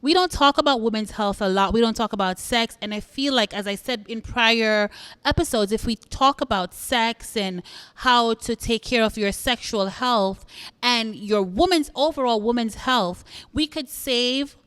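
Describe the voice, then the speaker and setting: Young woman from jamaica hosting her podcast, kinda high voice, chatty, laughs a lot, repeats herself for emphasis. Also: measured pace, fairly bright tone, clean tone, no room sound. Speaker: podcast host. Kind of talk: casual chat to listeners.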